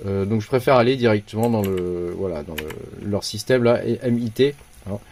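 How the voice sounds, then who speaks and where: A man's voice: lowish voice, normal speed, darkish tone, slight background noise. A man hosting a casual computer tutorial, talking informally with many hesitations and restarts. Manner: informal, slangy. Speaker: tech tutorial host. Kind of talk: casual screen-recorded tutorial.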